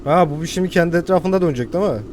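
Excitable young man doing game commentary. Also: a little high, rapid-fire, slight background noise. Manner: excitable, joking, chatty with viewers. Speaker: gaming youtuber. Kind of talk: casual let's-play commentary.

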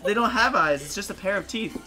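A man hosting a vlog, chatting and joking excitably while carving pumpkins with friends. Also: high voice, fast talker. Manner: excitable, joking, lively exclamations. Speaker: vlog host.

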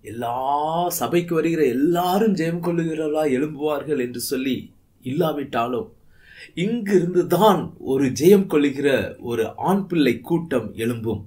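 A man's voice: fairly high pitch, expressive, moderate pace, dark tone. A man preaching a Bible study sermon in Tamil, reading verses aloud and stressing points with rising emphasis. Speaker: pastor.

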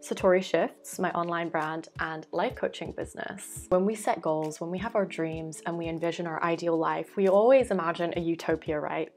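A woman's voice: lowish voice, a little mellow. A young woman from Belgium, a vlogger and life coach, talking earnestly to camera about her life, thoughtful with occasional fillers and self-corrections, in a small room at home. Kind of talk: reflective talking-head vlog. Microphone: fixed camera, framed chest-up.

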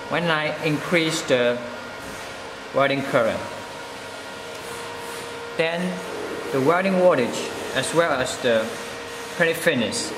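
A man walks through machine settings slowly and deliberately, leaning on key words as he explains each control. His voice carries a roomy echo with a long reverb tail, and a steady air-conditioning hum sits clearly underneath. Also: mid-range voice. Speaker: product demonstrator. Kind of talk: product demonstration voice-over.

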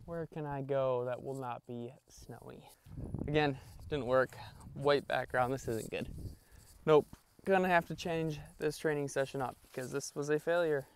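A man's voice: medium pitch, steady tone, normal speed, a little hiss or hum. A young man vlogging outdoors in a park as he trains his puppy, switching between casual talk to viewers and upbeat praise and commands for the dog.

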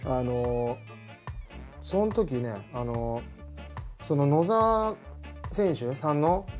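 A man's voice: on the high side, lively intonation, extremely slow, a little mellow, soft background music. A man hosting a casual chat, telling a rambling story with laughs and fillers. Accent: Japanese. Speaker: host.

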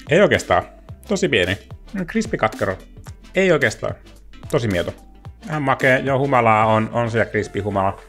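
A man giving a casual, chatty beer-tasting review, thinking aloud between sips. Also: lowish voice.

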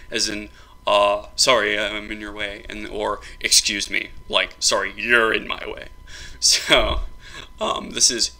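A man explaining a phrasebook for his invented language, in a halting, casual way with many ums and restarts. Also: on the low side, gravelly, bright, forceful tone. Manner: halting, many ums and uhs, self-correcting.

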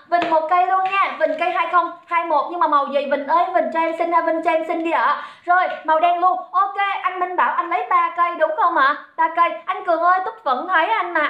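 A woman's voice: extremely high pitch, roomy sound, muffled recording. A woman running a live-stream sale, chatty and calling out viewers by name. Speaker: livestream seller. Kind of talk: live-stream sales chat.

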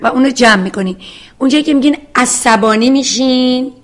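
A woman psychologist giving firm, emphatic advice to callers on a call-in show. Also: sits high. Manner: firm, emphatic, repeats for stress.

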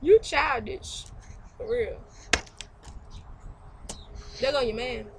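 A young woman vlogging a call with a friend, talking loudly in slangy, teasing casual chat and laughing often. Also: fairly high pitch, drawn-out words. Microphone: computer webcam mic. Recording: noisy home webcam recording.

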